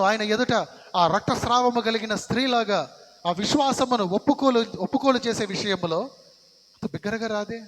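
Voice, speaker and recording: A pastor preaches a sermon in a church sanctuary, his high-pitched voice fairly bright in tone. He is emphatic and repeats phrases for stress, with the hall's long reverb trailing after him.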